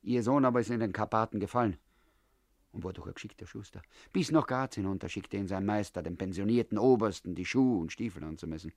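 A man's voice: fairly low pitch, fast talker, darkish tone, dry recording, clean studio sound. A man reading a first-person story aloud in a confiding tone, as if talking to an old comrade. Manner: confiding, addressing the listener as comrade. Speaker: audiobook narrator. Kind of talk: first-person literary narration.

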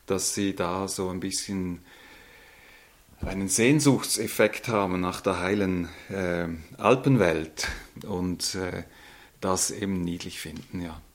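A Swiss man with a very deep voice and a Swiss German accent speaks calmly as an interview guest. He pauses now and then with small hesitations. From Switzerland. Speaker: interview guest, seminar leader. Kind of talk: conversational interview.

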